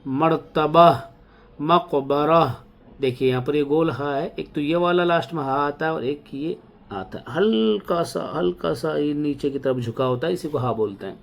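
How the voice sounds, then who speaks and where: A man teaching an online Urdu reading lesson, patiently explaining and then reading single words slowly and drawn out for practice. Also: fairly high pitch, vocal fry.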